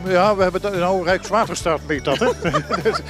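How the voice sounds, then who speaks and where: A man's voice: sits high, moderate pace. A man giving casual, chatty answers in an interview. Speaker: swim participant being interviewed. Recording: music behind the voice. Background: music.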